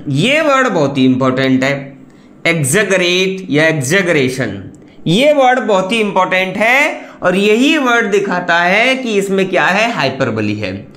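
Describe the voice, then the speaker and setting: A man's voice: high-pitched, bright, forceful tone, reverberant. A man hosting an online English class, explaining in a chatty way with rhetorical questions and lots of repetition. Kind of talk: explaining lesson.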